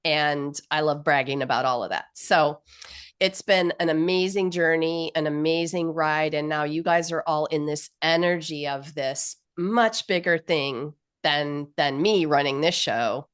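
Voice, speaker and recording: A woman in her fifties with a deep, low voice, made nasal by a bad cold. She hosts the session on a video call and talks eagerly, rambling and full of gratitude. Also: measured pace, clear, resonant tone. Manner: enthusiastic, grateful, rambling with fillers. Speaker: publisher and host. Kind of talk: info session talk.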